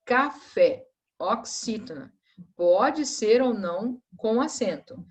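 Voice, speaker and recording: Lady teacher going over a review, patient, keeps checking in with the class. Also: mid-range voice. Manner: patient, explanatory, frequent tag questions.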